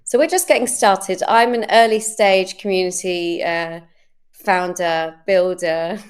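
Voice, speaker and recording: A woman in her thirties with a smooth, clear voice pitched slightly low. She introduces herself on a video call, open and thoughtful, pausing as she goes. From London, England. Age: 30s. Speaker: community founder, panel guest. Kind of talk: casual self-introduction.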